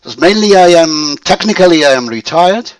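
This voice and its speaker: A Spanish man in his fifties, a learner of English, speaking in halting phrases with many restarts as he searches for words. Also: fairly high pitch, expressive, far from the mic, rough recording. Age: 50s. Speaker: language student. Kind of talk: conversational English lesson.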